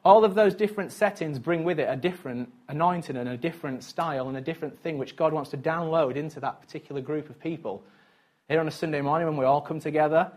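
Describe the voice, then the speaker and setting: Chatty male pastor, slightly high voice. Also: a little mellow. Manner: conversational, chatty, chuckles between points. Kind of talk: sermon.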